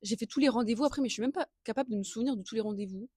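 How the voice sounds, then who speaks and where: A woman's voice: on the high side, very fast, darkish tone, breathy edge, no room sound, clean studio sound. A woman in her early twenties co-hosting a podcast, telling personal stories in a slangy, rambling, giggly way. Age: early 20s. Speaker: podcast co-host. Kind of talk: casual chat, personal storytelling.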